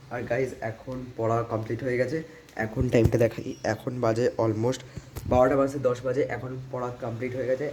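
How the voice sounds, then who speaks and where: A man's voice: mid-range voice, darkish tone, slight background noise. A man chatting casually as a vlogger, showing his home and scattering English fillers as he rambles. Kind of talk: casual vlog chat. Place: walking around his home.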